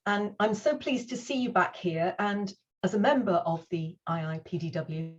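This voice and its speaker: Opening the day of an online conference over a video call, a woman speaks earnestly and reassuringly before introducing the first speaker. Her voice is fairly low and her pace normal, with the highs cut off in the audio.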